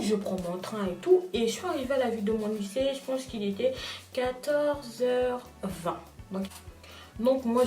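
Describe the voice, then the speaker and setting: A young woman vlogger telling a personal story in casual chat, talking straight to her viewers in an animated way. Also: fairly high pitch, roomy sound, far from the mic. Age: young adult. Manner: animated, addresses viewers directly.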